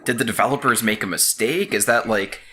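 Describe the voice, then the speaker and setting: A man's voice: fairly low pitch, a little fast, a bit bright, a little hiss or hum. A man guesting on a casual podcast, talking hesitantly with many ums while he thinks. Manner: hesitant, filler-heavy, thoughtful. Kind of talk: casual chat.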